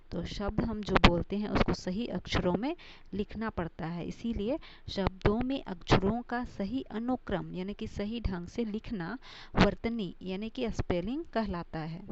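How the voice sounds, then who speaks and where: A woman teaching a Hindi grammar lesson, repeating each point and glossing terms with English words. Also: medium pitch. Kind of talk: slow classroom grammar lesson. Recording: dull lo-fi recording with steady noise.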